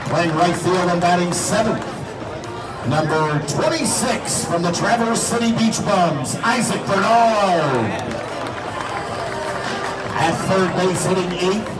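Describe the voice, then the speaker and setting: A man announcing player introductions over a stadium public address system, projecting in a deliberate way and drawing out names. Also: sits high. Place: outdoor baseball stadium, heard over loudspeakers. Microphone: announcer's PA captured from the stands. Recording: distant echoey stadium PA, crowd, loud music. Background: crowd and loud music.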